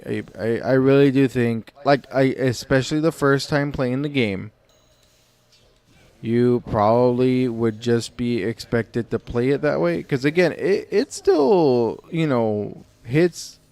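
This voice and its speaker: A man's voice: medium pitch, takes it slowly, a little mellow. A man hosting a livestream, giving rambling, exasperated, swear-heavy reactions to another streamer. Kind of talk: casual reaction chat.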